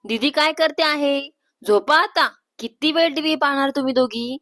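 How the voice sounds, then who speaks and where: A woman's voice: high-pitched, moderate pace, fairly bright tone. A woman voicing a middle-aged mother who calls out from bed to scold her daughters in a storybook reading. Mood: chiding. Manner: calls out, chiding.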